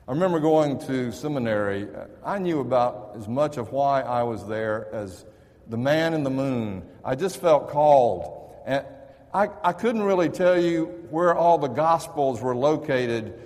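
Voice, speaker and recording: Man, preacher, storytelling sermon, conversational, mid pitch, long hall reverb. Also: darkish tone. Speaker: pastor.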